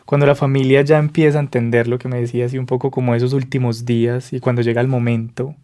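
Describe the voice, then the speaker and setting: A man hosting a podcast interview, attentive and soft-spoken. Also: mid-range voice, little pitch movement, fast. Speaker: podcast host. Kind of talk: interview conversation.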